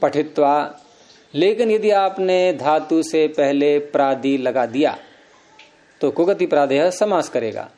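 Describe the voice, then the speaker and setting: A man's voice: on the high side, takes it slowly, warm tone. A man teaching Sanskrit grammar, explaining step by step and quizzing his students with questions. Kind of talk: classroom lecture.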